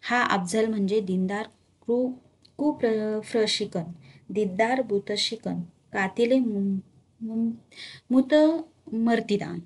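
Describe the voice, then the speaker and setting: A woman reading a novel aloud and voicing an arrogant, wrathful middle-aged male general who shouts his commands. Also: on the high side, takes it slowly, husky, exaggerated voice. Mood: furious.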